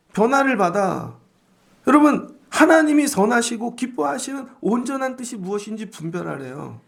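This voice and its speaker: A middle-aged man preaching a dawn service sermon in a high, gravelly voice. His pitch swings widely as he talks in an everyday way. He acts out the words of churchgoers along the way. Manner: animated, colloquial preaching with acted-out quotes. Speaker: pastor.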